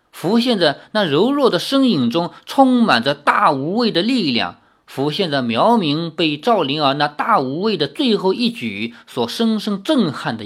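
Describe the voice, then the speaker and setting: A storyteller reading a novel aloud, expressive, dropping low and soft on the sad passages. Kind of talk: read-aloud novel narration.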